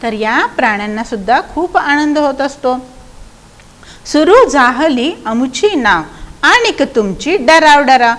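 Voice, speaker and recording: A woman teacher with a Marathi accent and a high voice gives a lesson to schoolchildren. She explains patiently, keeps asking the class questions and recites lines of verse slowly and with care. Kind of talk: recorded classroom lesson explaining a poem to children.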